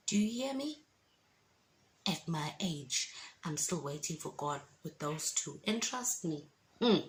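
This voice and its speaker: A woman's voice: low voice, a little hiss or hum. A woman, giving an emphatic, encouraging faith testimony in a casual vlog. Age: 50s. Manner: emphatic and encouraging, preachy asides.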